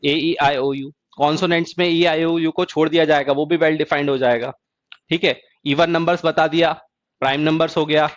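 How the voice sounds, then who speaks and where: A man teaching an exam-prep math lecture who keeps asking students if the point is clear and drawls key terms slowly. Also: on the high side, steady tone, lo-fi sound. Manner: asks students check questions.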